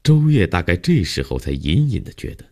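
Extremely deep-voiced male storyteller. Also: big pitch swings, fairly quick, darkish tone. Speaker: audiobook narrator. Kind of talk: scripted novel narration.

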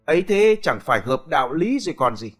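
A man's voice: a little high, big pitch swings, brisk, a bit bright, husky, soft background music, exaggerated voice. A man voicing a mocking drunk old villager in a storybook reading. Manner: sneering, mocking.

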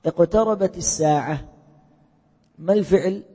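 Husky male teacher in echoey hall. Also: high-pitched, moderate pace, warm tone. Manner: quizzes students and repeats their answers. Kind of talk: classroom lesson with questions to students. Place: lecture hall. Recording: echoey hall, muffled lo-fi sound.

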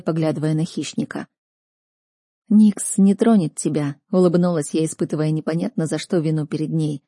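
Husky, dark-voiced woman narrating. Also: on the low side, no echo, studio quality. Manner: expressive, dramatic reading. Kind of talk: first-person audiobook narration.

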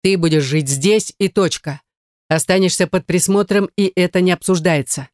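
Brief: cold commanding husband, firm clipped orders, dry close read, voiced by a reader. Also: male voice, on the high side, normal speed, a little mellow, no echo, lightly acted. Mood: stern.

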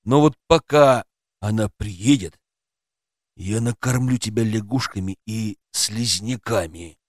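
A furious rough rescuer growls and barks his threats in a low, menacing voice, as a male narrator puts him on. The tone drops below the reader's usual voice and turns hushed and harsh. The sound is close and dry. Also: slow pace, no room sound. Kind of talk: audiobook character voice.

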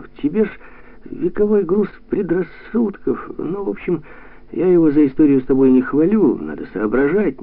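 A male reader voicing a jovial, blunt heavyset man who lectures a young woman in a bantering, preachy way, with sudden jumps up in pitch. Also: gravelly, breathy edge, exaggerated voice. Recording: tinny lo-fi radio sound.

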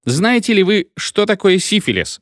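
A man's voice: sits high, sing-song, moderate pace, no room sound, clean studio sound, voice pushed up. A man voicing a drunken, pompous village medic who lectures in a rambling, hiccuping sing-song. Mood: tipsy lecturing.

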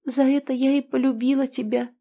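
A woman's voice: mid-range voice, fairly even intonation, normal speed, warm tone, lightly acted. Tearful young ghost girl, as a woman puts her on. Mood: tender tearful. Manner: sobbing, reproachful.

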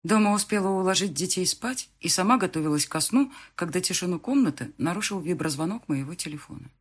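A woman reading a first-person audiobook with an expressive, emotional delivery and a husky voice. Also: lowish voice, fairly quick. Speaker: audiobook narrator.

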